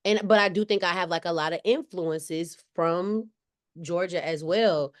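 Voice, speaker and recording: A podcast guest from Cleveland, Ohio, she has a fairly low voice, a little slow, with a light Southern accent. Her casual, chatty talk is full of "like" fillers and restarts.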